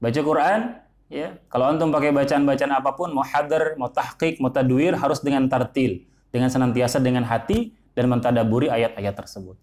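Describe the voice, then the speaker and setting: Man, religious teacher, measured explanatory lesson, repeats words, mid-pitched. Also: darkish tone. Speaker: Quran recitation teacher.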